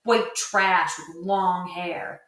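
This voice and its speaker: A woman's voice: on the low side, steady tone, drawn-out words, fairly bright tone. Sneering drunk rich teen bully, read by a woman. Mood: taunting. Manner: taunting, a little unsteady. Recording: roomy, distant mic.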